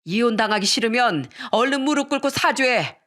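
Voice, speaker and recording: A woman's voice: on the high side, animated, normal speed, fairly bright tone. A woman voicing a domineering older mother-in-law who scolds with contempt, in a radio story reading. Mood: indignant.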